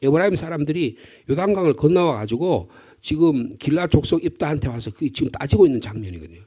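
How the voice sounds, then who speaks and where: Lively, husky Korean pastor preaching. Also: male voice, on the high side, fast. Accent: Gyeongsang Korean. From Gyeongsang region, Korea. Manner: conversational, lively storytelling with acted quotes and rhetorical questions. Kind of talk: early-morning prayer sermon.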